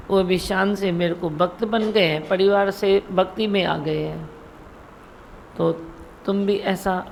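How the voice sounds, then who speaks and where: A woman's voice: lowish voice, gravelly, low-quality recording. An older woman giving a devotional discourse as a spiritual leader, teaching earnestly and repeating her points with quoted verses. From India. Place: hall during a satsang gathering. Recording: faint background noise.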